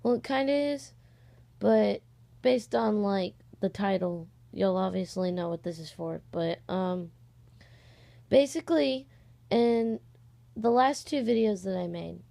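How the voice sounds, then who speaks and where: Her voice is medium-pitched, creaky, and warm, and she takes her time. She's a 16-year-old amateur voice-acting channel creator making a rambling, hesitant, casual announcement vlog-style, recorded on a cheap, slightly distorted microphone.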